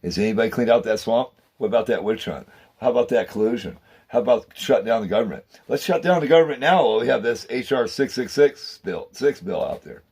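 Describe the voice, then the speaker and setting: A man's voice: medium pitch, lively intonation, quick pace, a little mellow, breathy edge. A man hosting his own channel, delivering a rambling, fervent monologue and calling out to viewers as guys and man. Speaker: channel host.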